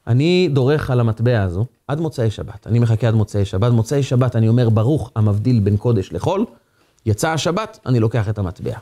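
A man's voice: medium pitch, expressive, dark tone, natural voice. A man voicing a poor, earnest young boy who pleads in heartbreak as he tells a story. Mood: torn.

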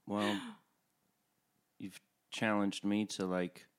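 A man's voice: lowish voice, little pitch movement, extremely slow, smooth. A man hosting a podcast interview, musing earnestly about making art and helping people, sometimes slipping into silly jokes. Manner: earnest and reflective, sometimes joking. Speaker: podcast host. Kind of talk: casual interview chat.

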